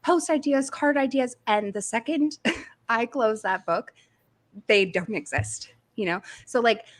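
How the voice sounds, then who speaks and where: A Canadian woman with a Canadian accent, talking in a rambling casual chat full of "like" and quick laughs, as co-host. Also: a little high. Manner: rambling, heavy use of "like", frequent laughs.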